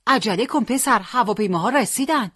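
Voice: mid-range voice, sing-song, dry recording, studio quality. A storyteller voicing a resolute young male commander who gives urgent orders and calls out to his men.

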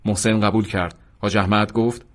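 A man reading an audiobook chapter in a calm, even storytelling manner. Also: on the low side. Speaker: audiobook narrator. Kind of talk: scripted narration.

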